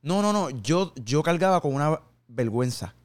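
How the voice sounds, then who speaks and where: Earnest man telling his story, smooth voice. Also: fairly high pitch, big pitch swings, moderate pace. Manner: earnest storytelling with quoted dialogue, slangy asides. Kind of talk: casual testimony in an interview.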